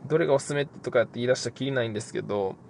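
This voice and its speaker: Young man, casual podcast Q&A, relaxed, rambling, filler-heavy, faint background noise. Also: mid-range voice, rapid-fire, creaky. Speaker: podcast host, pro basketball player.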